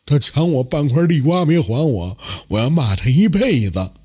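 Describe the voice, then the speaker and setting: A man's voice: fairly high pitch, expressive, normal speed, a little mellow, breathy edge. A man voicing a simple-minded young beggar who complains tearfully with a stammer. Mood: aggrieved.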